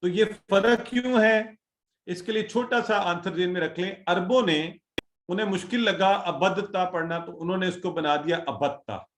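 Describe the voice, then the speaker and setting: Patient male teacher in a roomy call. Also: high voice. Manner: patient, drills word lists slowly, calls on students. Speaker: Quran Arabic teacher. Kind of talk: online class teaching.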